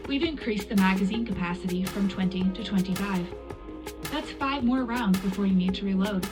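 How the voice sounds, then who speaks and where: Playing a wartime radio news presenter, a woman reads a scripted military bulletin with a measured, formal announcer style. Her pitch is medium, close to her everyday voice, and a loud music bed runs underneath.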